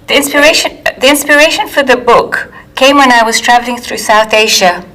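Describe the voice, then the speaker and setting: A woman from Kenya, an author and editor speaking in a measured, careful way during a recorded interview with retakes. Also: on the high side, fairly bright tone. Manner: measured, careful, restarts lines.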